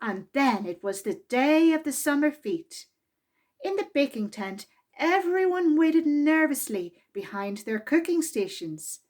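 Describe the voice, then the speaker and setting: In a high-pitched voice, a woman gives an expressive, unhurried reading of a children's story, lingering on key words for effect.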